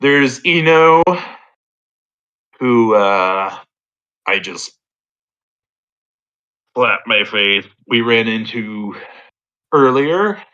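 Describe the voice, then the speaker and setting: A man playing a tabletop role-playing game in casual chat, halting and thinking aloud as he goes. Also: medium pitch, animated, pushed and bright, smooth, muffled recording. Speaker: tabletop RPG player.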